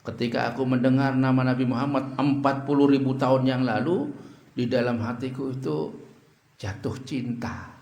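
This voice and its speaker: A man's voice: mid-range voice, moderate pace, darkish tone, lightly acted. Man doing a grieving heavenly steed. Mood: sorrowful. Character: lovesick male heavenly steed, sorrowful. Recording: echoey room.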